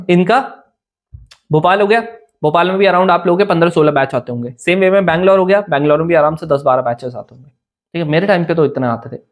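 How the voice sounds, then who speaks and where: A man's voice: on the high side, a little fast. A young man teaching English grammar for an exam in casual Hindi mixed with English, often checking whether students follow. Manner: chatty, asks students "clear?" often. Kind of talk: informal Hindi-English lesson.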